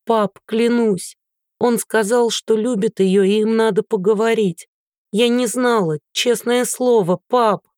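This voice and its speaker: A man's voice: high-pitched, slow, warm tone, no room sound, clean studio sound. A man voicing a frightened teenage daughter who pleads tearfully with her father. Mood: pleading. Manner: pleading, tearful, breaking into cries.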